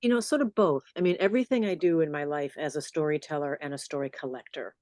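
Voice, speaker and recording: A middle-aged woman, a journalist and podcast host, gives relaxed interview answers in a notably low, deep voice at a quick pace. Her warm storytelling is broken by animated asides, and she sounds close and dry at a studio mic with no echo.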